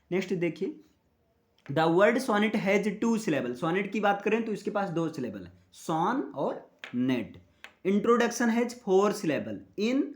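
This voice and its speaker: A man teaching English literature. He reads definitions slowly and explains them with questions to the listener. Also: high voice. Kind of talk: classroom-style lecture mixing Hindi and English.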